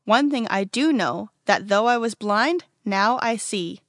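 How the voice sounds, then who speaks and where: A woman's voice: mid-range voice, lively intonation, measured pace, no room sound, studio quality. A woman reading the part of an earnest, once-blind man in a storybook, speaking plainly and insistently. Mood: frustrated. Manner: insistent, matter-of-fact.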